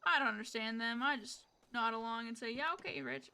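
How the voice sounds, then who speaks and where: A woman's voice: on the high side, brisk, gravelly, pushed and bright, a little hiss or hum. A woman streamer playing a blunt, teasing mother who laughs often in a casual role-play chat. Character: teasing, swearing mother of a grown daughter.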